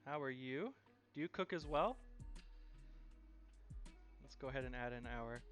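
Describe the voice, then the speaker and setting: A man's voice: medium pitch, lively intonation, a little slow, faint music behind. A man running a live cooking stream, chatting and cheerfully thanking viewers as he cooks.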